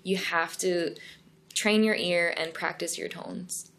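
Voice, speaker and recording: A woman's voice: lowish voice, steady tone, takes it slowly, a bit bright, slight background noise. A woman guest on a podcast, explaining things in a friendly, chatty way and laughing easily. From United States. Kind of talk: casual podcast interview.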